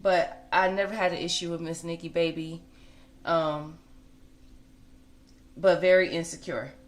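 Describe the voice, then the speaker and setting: American woman, forty, lowish voice, frank and chatty gossip vlogger who drives points home. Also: steady tone, measured pace. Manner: blunt, conversational, emphatic repetition. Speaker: celebrity gossip commentator. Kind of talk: casual gossip vlog commentary.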